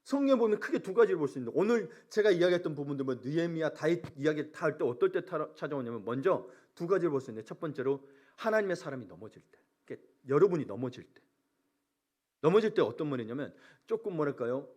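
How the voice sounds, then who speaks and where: A male pastor preaching a sermon in an animated way, acting out prayers and mocking voices as he goes. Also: on the high side, fast.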